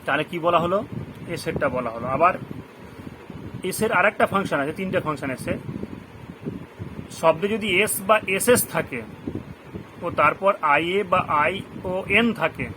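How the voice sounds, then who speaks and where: A man gives a pronunciation lesson in a slightly raised voice, going over each rule twice and listing example words. He stops now and then to quiz his students. A steady hum of background noise runs under the recording. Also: sits high. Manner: repeats rules slowly, gives word examples with meanings; asks the listeners questions. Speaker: English pronunciation teacher. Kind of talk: classroom lesson in Bengali.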